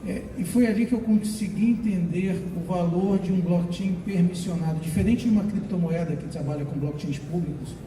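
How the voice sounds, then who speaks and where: A man's voice: high voice, fairly quick, hardly any pauses, dark tone. A man speaking at a panel, talking with many hesitations and fillers. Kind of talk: panel talk. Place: conference hall. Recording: echoey room, far from mic, noisy.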